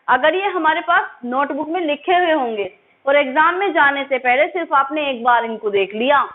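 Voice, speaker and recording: Woman teacher, higher voice, slow sound drills, asks and answers her own questions; tinny audio. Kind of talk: classroom lesson.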